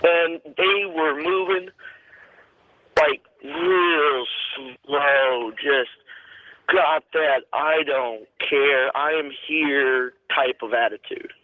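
A man calling into a radio show over a phone line, telling of something he saw, in a halting way with many restarts. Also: fairly high pitch, dry recording. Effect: phone-line caller on a radio show. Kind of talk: telling a personal sighting on a call-in show.

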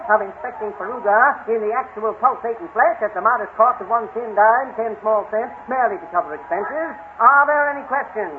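A man's voice: sits high, fairly quick, hardly any pauses, close to an everyday voice. A man playing a brash carnival barker reeling off a showman's spiel in a 1940s radio drama. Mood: hawking. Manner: showman spiel, loud patter. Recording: noisy tinny old radio broadcast.

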